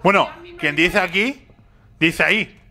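A man's voice: high voice, slow, pushed and bright. A young man from commentating a horror game, nervous, repeating phrases and talking to himself. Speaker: gaming youtuber.

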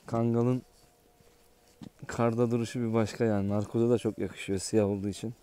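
A man vlogging outdoors in the snowy countryside with his dogs, talking calmly in a low, even voice. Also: fairly quick, smooth. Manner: calm and low when talking to camera, yelling at the dog. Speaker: dog owner vlogger. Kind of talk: casual outdoor vlog.

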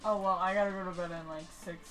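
A young woman with a tired, hoarse voice, teasing and joking while playing a game. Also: on the low side, steady tone, fast, over music. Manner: teasing, laughing, loud outbursts. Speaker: co-host gamer. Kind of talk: casual gaming banter.

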